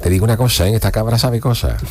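Man playing a fast-talking cheeky Cádiz joker. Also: lowish voice, very animated, heavy background noise. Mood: cheeky bravado. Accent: Cádiz Andalusian. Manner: colloquial, bantering, brashly unimpressed. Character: cheeky, unflappable working-class joker from Cádiz. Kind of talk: improvised comic role-play.

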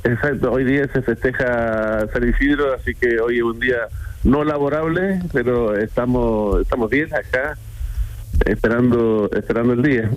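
A man in his sixties with an Argentine accent, a builder calling into a radio show, friendly and talkative with halting restarts. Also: medium pitch, low-quality recording. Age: 60s. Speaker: caller, builder. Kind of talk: phone-in conversation.

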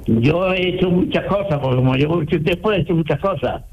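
A man's voice: on the high side, fast talker. An Andalusian man in his eighties calling into a radio show, rambling and repeating himself as he tells his story. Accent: Andalusian Spanish. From Córdoba province, Spain. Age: 80s. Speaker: caller. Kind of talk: phone-in chat on the radio. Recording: muffled phone line.

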